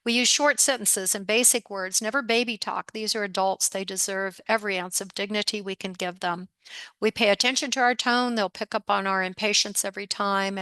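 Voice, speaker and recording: An upbeat woman presenting a webinar from her office, speaking straight to her listeners and often calling out to everybody. Her voice is bright and forceful, with a crisp, smooth clarity. The sound is close and dry. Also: medium pitch, no echo. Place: home or office desk.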